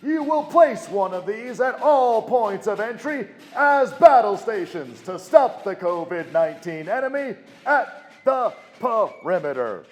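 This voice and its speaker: An actor playing a strict male army drill sergeant who shouts commands at recruits. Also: high-pitched, animated. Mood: commanding. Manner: shouted military commands, drawn-out emphatic delivery. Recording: long reverb with music underneath.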